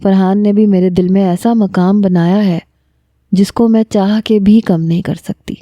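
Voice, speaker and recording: A lovestruck young woman who talks openly and warmly about her feelings, in a dark, mellow voice, read aloud by a woman narrator. The sound is dry and close. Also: mid-range voice, fairly even intonation, dry recording, natural voice. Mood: smiling. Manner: smiling, candid.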